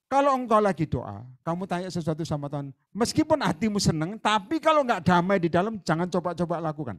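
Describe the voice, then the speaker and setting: A man preaching in a church, fairly high voice that swings all over the place. He talks in a chatty way, acts out little back-and-forth conversations, and jumps from loud bursts to quiet asides. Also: big pitch swings, fast. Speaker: guest preacher. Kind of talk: lively sermon. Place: church hall.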